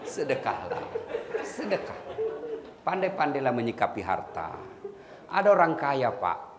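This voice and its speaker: A middle-aged man with a Makassar Indonesian accent delivers a humorous sermon, telling stories and calling his listeners "Pak" directly. His voice sits on the high side, with a slight hiss or hum in the recording.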